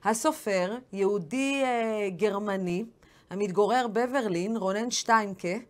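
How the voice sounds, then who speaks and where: A woman, hosting a TV interview, brisk and hesitating often between phrases. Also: mid-range voice.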